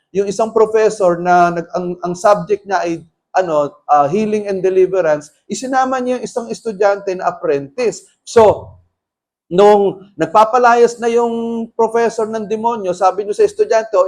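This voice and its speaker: A man from the Philippines, a pastor preaching a sermon and telling animated stories with English phrases mixed in. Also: sits high.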